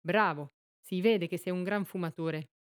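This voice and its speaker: A woman's voice: lowish voice, measured pace, clean tone, close to an everyday voice. A woman reading aloud, voicing a cocky, scornful teenage boy with a mocking, swaggering way of talking.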